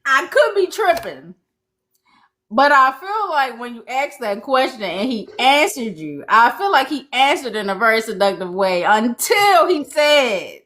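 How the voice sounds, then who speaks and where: A woman's voice: fairly high pitch, sing-song, measured pace, pushed and bright. A woman, co-hosting a casual chat podcast and telling stories in a laid-back way. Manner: laid-back, storytelling, laughs often. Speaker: podcast co-host.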